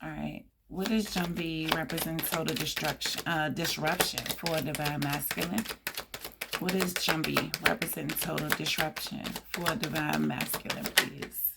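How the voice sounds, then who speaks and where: A woman with a hoarse, scratchy voice giving a tarot card reading, reading out card meanings and chatting casually to her viewers. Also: sits low, fairly even intonation, measured pace. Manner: reads card meanings aloud with chatty asides. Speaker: tarot reader.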